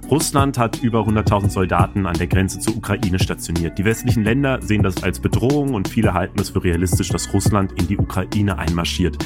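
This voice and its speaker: A man hosting a podcast from home, explaining the news in a relaxed, conversational way. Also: low-pitched. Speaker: podcast host. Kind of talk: podcast talk. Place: at home in isolation.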